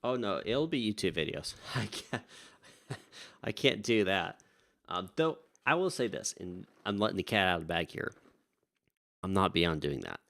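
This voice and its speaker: This deep-voiced man has vocal fry and a fairly bright tone. Acting as a virtual air traffic controller for a live stream, he chats loosely, gets distracted and trails off mid-thought, then shifts into polite calls to pilots over the radio.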